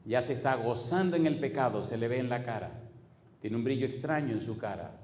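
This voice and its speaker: A man with a Dominican Spanish accent, preaching a fervent sermon in a church hall. His voice sits mid-range and rises into forceful exclamations and rhetorical questions. The sound rings with long reverb from the room. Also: mid-range voice, animated, fairly quick. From Dominican Republic. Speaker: pastor.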